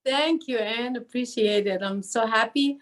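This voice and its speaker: An older Egyptian woman with a fairly high voice speaks unhurriedly as a guest on an interview podcast. A nurse and wellness coach, she talks chattily and casually, full of fillers and restarts.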